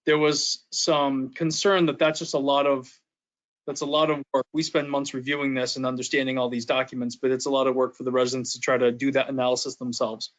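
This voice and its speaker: A man's voice: mid-range voice, fairly bright tone, rough recording. A man acting as town administrator, explaining budget documents methodically at a public board meeting.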